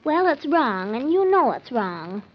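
High-pitched fretful wife, prim, stubborn, earnest, vintage radio comedy, dull lo-fi recording. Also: female voice, sing-song, unhurried, breathy edge, full character voice. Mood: prim, indignant. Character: prim, nervous, stubbornly clinging wife Sally. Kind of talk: old-time radio comedy acting.

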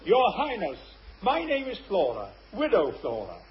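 A brash pantomime widow, pushy and man-hungry, with a high voice that swoops widely. The stage recording is muffled. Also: huge pitch swings, unhurried, slight background noise, full character voice. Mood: brash, scheming. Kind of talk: pantomime dame comedy acting.

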